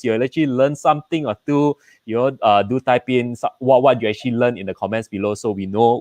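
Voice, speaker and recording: A man's voice: mid-range voice, a little mellow, no echo. A man casually hosting a live session, often repeating and rephrasing his phrases. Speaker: host.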